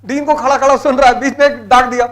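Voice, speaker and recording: A man's voice: very high-pitched, fairly even intonation, fast talker. A middle-aged man giving a motivational lecture to exam students, exhorting them with blunt commands and repeating key words for emphasis.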